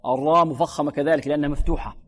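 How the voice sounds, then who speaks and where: A man with a fairly high voice teaches recitation rules in a room with a long reverb. He stretches out each example word slowly and repeats it carefully, then asks his own questions and answers them in a patient teaching tone. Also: fairly even intonation, a bit bright. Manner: slow, drawn-out demonstrations of words, repeated many times. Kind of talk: tajweed lesson with recited examples.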